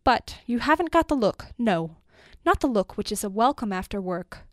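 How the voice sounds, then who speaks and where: Dreamy old dad, calm and courtly, kinda highish, woman reading him, dry close sound. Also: normal speed, dry recording. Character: weary old father, dreamy and stately.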